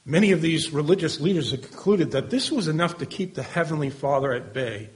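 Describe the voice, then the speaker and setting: A man's voice: on the high side, animated, brisk. A man preaching an earnest sermon, asking rhetorical questions and letting his voice fall at the ends of phrases.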